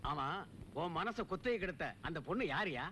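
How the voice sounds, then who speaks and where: A worldly, teasing friend with a rather high, bright voice. He ribs his pal and dispenses cheeky advice in comic film style. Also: lively intonation, moderate pace, slight background noise. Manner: teasing, giving bold advice.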